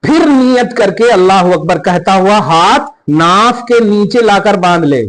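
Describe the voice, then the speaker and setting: A man's voice: sits high, expressive, measured pace, poor audio. A man explaining religious practice step by step in a podcast, emphatic and checking that the listener understands. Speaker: Islamic scholar teaching prayer. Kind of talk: religious instruction in a podcast conversation.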